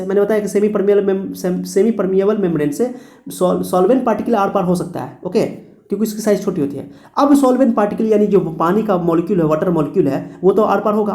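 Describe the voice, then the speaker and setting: Mellow-voiced male chemistry teacher lecturing. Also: high voice. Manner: asks questions and answers them himself, self-correcting, joking. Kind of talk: classroom lecture.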